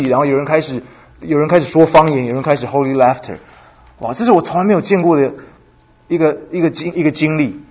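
A man giving an animated church testimony, telling stories and slipping English phrases into his talk. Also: a little high, husky, muffled recording. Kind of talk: sermon testimony.

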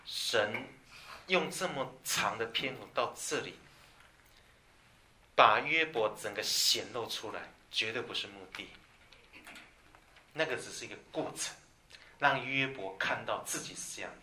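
A man preaching a sermon, animated, moving between quiet asides and loud, emphatic passages. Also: mid-range voice, unhurried, long pauses, a little hiss or hum. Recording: echoey room from a distance.

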